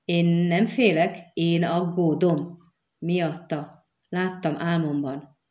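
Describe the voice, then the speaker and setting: A woman voicing an anxious young male scribe who talks slowly and fretfully, in an audiobook reading. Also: fairly low pitch, steady tone, darkish tone, dull audio, natural voice.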